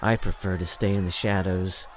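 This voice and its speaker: Curt young woman lookout read by a man in his own low voice, snappy. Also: fairly even intonation, moderate pace, a faint crowd, close to an everyday voice. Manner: curt, impatient.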